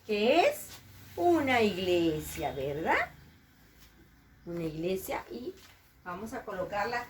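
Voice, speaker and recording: Slow sing-song woman teaching young children. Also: a little high, recorded from a distance, slight background noise. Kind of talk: children's lesson.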